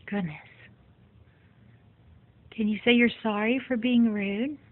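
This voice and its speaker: A woman's voice: fairly even intonation, slow. Woman coaxing her pet bird, tinny. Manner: coaxing, teasing, high sing-song pet talk. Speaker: pet owner. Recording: tinny phone-like audio.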